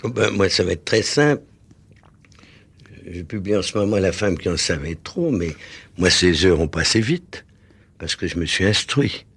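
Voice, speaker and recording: A man's voice: deep voice, animated, moderate pace, pauses often, a bit bright, breathy edge, dry recording. A man speaking as a guest author in a radio interview, genial and reflective.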